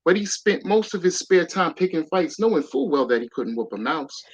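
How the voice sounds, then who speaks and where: This guest author's voice is husky and fairly high for a man, moving at a moderate pace as he reads his rhyming story for children. He lilts rhythmically through the verse with lively emphasis, over a dull lo-fi recording.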